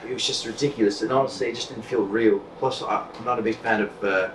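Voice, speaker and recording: A man's voice: on the low side, fairly even intonation, quick pace. A man talking as a guest on a casual podcast, direct and projecting from the diaphragm. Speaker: podcast guest, content creator and magician. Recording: echoey room, distant mic, faint noise.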